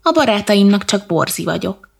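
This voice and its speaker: A woman's voice: mid-range voice, vocal fry, breathy edge, exaggerated voice. A woman voicing a small, cheerful, eager male badger in a children's storybook. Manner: excited, exclaiming. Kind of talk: storybook character voice.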